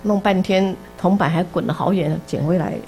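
Middle-aged lady teaching buddhism, low mellow voice, chatty, faint music behind. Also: normal speed, slight background noise, low-quality recording. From Taiwan. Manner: chatty storytelling, many interjections, laughs at own jokes. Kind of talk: casual Buddhist lecture. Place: basement classroom.

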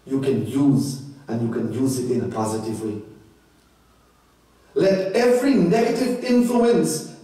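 A man preaching a sermon to devotees, swinging his pitch high and low for emphasis. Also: dark tone, very echoey, recorded from a distance, poor audio. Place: temple hall.

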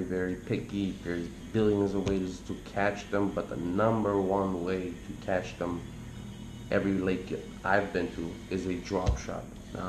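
Gravelly deep-voiced man in an echoey room. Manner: rambling, relaxed, explains as he goes. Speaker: fishing channel host. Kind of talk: casual tutorial talk to camera. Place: indoors at a kitchen table by a window. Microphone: camera on the table close to him. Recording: echoey room with background noise.

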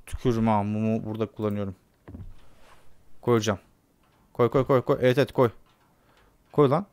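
A man's voice: lowish voice, normal speed, a little mellow, clean tone. A man giving casual let's play commentary on a horror game, talking to himself and the game and repeating words. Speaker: gamer playing a horror game.

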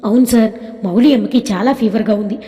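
A woman's voice: on the high side, fairly quick, warm tone, big-room sound, close to an everyday voice. A woman voicing a dutiful middle-aged man who works for the family, reporting respectfully. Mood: concerned.

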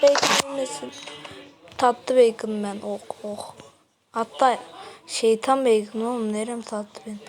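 A woman's voice: fairly high pitch, fairly even intonation, a crowd in the background, poor audio. A woman giving casual commentary on her own gameplay, with dramatic yelps and wails whenever her character falls. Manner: dramatic yelps and wails at each fall, slow chatty talk. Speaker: gaming video host.

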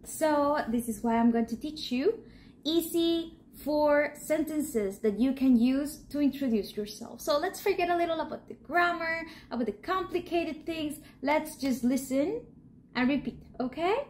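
Colombian woman, native Spanish speaker, patient encouraging teacher; high voice, slow delivery. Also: a little mellow, slight background noise. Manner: encouraging, slow and clear demonstrations. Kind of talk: interactive language lesson.

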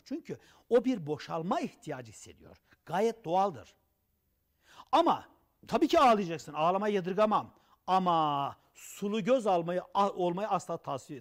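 A man with a strikingly high voice delivers a coaching monologue in a TV studio. He acts out little scenes as he talks and keeps firing rhetorical questions at the viewers. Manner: animated, acts out examples with gestures. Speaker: personal development coach. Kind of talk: TV talk show monologue.

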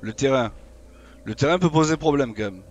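Excitable man taunting in gameplay commentary. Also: mid-range voice, moderate pace. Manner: casual slangy talk. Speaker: gamer playing a dinosaur survival game.

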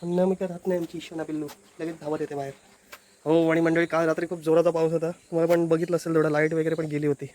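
A man narrating outdoors at a village house in a casual family vlog, talking relaxed to viewers. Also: fairly high pitch, fast.

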